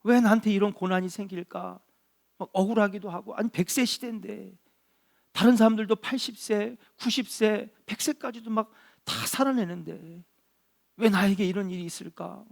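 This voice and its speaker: A middle-aged male pastor delivering a sermon in an earnest, unhurried way. His voice sits a little on the higher side for a man. He leans on rhetorical questions and short affirming interjections. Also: vocal fry.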